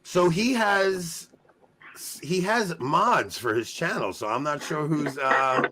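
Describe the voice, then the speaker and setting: Higher-pitched man hosting casual banter. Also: lively intonation, slow pace, pushed and bright. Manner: bantering, self-mocking. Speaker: host of a trivia show. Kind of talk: casual live-stream chat.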